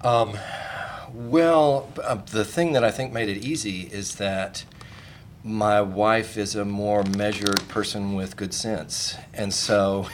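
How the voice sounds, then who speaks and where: A male psychologist guest with a lowish voice searches for his words, filling pauses with ums and small restarts. A faint hiss sits under the recording. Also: fairly even intonation. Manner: hesitant, many fillers, self-deprecating chuckles. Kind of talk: casual interview talk.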